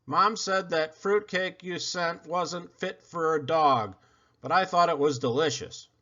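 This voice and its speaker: A man's voice: a little high, a little slow, bright, forceful tone, highs cut off. A man voicing a blunt, talkative female pet dog who rambles on in a children's storybook. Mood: blunt, chatty. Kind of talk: children's storybook read-aloud.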